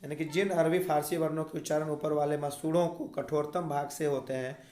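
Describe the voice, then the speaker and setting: A man's voice: a little high, fairly even intonation, a little fast, warm tone. A male teacher explaining a grammar lesson to children, repeating sounds aloud and checking in with the class. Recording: echoey room.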